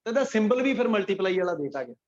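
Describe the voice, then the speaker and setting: A man's voice: high-pitched, big pitch swings, rapid-fire. A man with a Punjabi accent teaching a physics class, quizzing students by name and repeating key points. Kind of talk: classroom lecture. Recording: dull lo-fi classroom recording.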